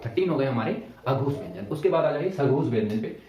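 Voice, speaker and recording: Recorded from a distance in a reverberant room with a little hiss or hum, a man teaches grammar for an exam, breaking it into steps. His voice is a bit high and darkish, fast and lively, and he often checks back with "ठीक है" and questions.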